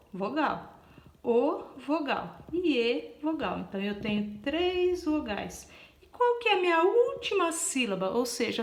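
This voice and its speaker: Woman teacher, slow and patient, fairly high voice, spells and counts aloud, echoey room. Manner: spells out letters, counts aloud, keeps asking "tá?". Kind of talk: slow, patient classroom explanation.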